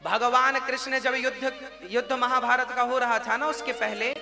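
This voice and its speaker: A man telling a devotional story as a sermon to his audience, lively and acting out the dialogue. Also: very high-pitched, moderate pace, gravelly. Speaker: spiritual storyteller. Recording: live sermon with violin music behind.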